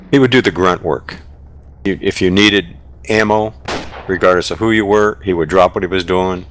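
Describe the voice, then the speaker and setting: An older man speaks a eulogy over game voice chat through a headset. His voice sits very low, and he talks in a heartfelt, halting way, often restarting his sentences. There is a faint hiss of noise behind him. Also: fairly bright tone. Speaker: eulogist in an online game memorial.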